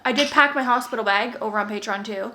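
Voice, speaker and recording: A woman's voice: a little high, fast talker, bright, forceful tone. A pregnant young woman vlogging from her playroom at home, telling a story in a chatty way and acting out what people said. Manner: chatty storytelling, laughs often, acts out quotes. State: heavily pregnant. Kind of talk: casual chat to camera.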